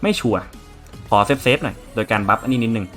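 A man's voice: mid-range voice, expressive, fast talker, a bit bright. Young man, game streamer, casual commentary, chatty, swears, faint background music.

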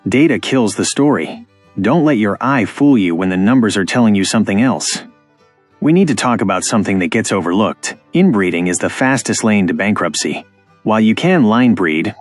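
Low husky male voice-over narrator. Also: no echo. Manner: emphatic, instructive, deliberate. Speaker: farming channel narrator. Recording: dry close voice-over with faint music.

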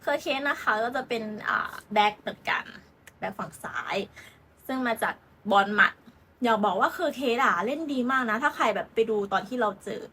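A young woman with a bright, high voice talks through football transfer news in a loose, chatty way. She giggles often and fills her talk with fillers and playful asides, like a host gossiping with her viewers. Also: animated, fairly quick, slight background noise. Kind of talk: casual football transfer chat.

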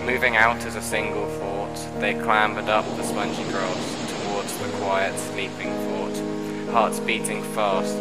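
Young man reciting a poem over music. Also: on the low side. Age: young adult. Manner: measured, rhythmic recitation with a repeated refrain. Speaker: spoken word poet. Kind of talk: recited spoken-word poem. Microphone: close mic, audio overdubbed. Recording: voice over loud backing music. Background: loud music bed.

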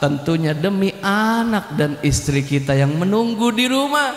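A man's voice: sits high, expressive, measured pace. A man giving a joking wedding sermon and often asking the women listening whether they agree, heard over a sound system in a hall. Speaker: preacher. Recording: echoey hall with long reverb.

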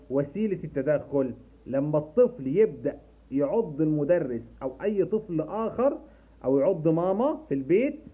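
Egyptian male specialist, patient explainer who repeats key points; husky voice, phone-band sound. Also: fairly high pitch, phone-quality sound. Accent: Egyptian Arabic. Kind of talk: explanatory talk to parents.

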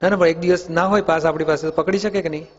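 Recorded dully in an echoey hall, this spiritual teacher has a voice on the high side with fairly even intonation, and he talks at a racing pace. He leads young people through a Q&A talk, questioning them patiently with ordinary, everyday examples.

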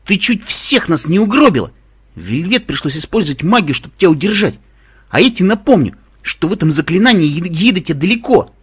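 This is a hot-tempered, protective young pegasus stallion in an audiobook, as a male reader puts him on. He sounds husky and sits a little high for a man. He tends to raise his voice into loud, scolding shouts. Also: very animated, brisk, full character voice. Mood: angry.

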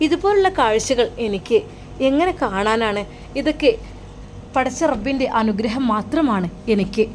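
A woman's voice: on the high side, expressive, normal speed, a little hiss or hum. Emotive Malayalam storyteller woman. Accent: Malappuram Malayalam. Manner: emotive, dramatic. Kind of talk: dramatic story narration.

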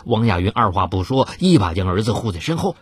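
A man's voice: big pitch swings, fast, breathy edge, dry recording. A man narrating a dramatized true-crime story in a theatrical, suspenseful way. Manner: theatrical, swings of pitch for suspense.

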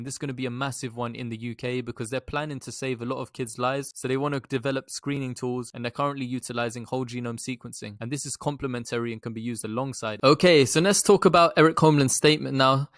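A young adult man with a medium-pitched voice gives informal, explanatory commentary as a stock analysis presenter. He's recorded close to a desktop microphone with no room sound.

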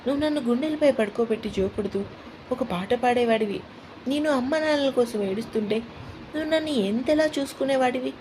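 A woman's voice: a little high, a little mellow, slight background noise, natural voice, rough recording. A woman voicing an eager young niece who dreams of studying medicine, speaking in a tender, pleading way.

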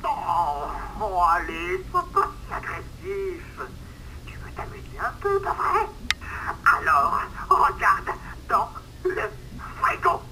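An actor playing a taunting young man calling over a phone line in a horror game, mocking and drawn-out. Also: sits high, sing-song, gravelly, bright, forceful tone, a little hiss or hum, full character voice. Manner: mocking, teasing, slow and drawn-out.

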